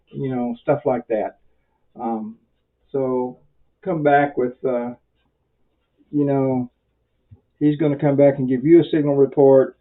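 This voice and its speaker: This amateur radio instructor is an American man with a mid-range voice, heard on phone-quality audio. His informal tutorial wanders, chatty and self-deprecating.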